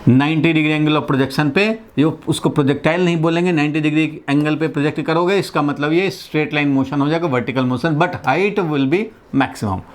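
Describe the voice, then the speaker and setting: A man's voice: on the high side, a little fast, few pauses. A man from India giving a physics lesson, explaining step by step, repeating key phrases and checking in with his students. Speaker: physics teacher. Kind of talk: classroom lecture.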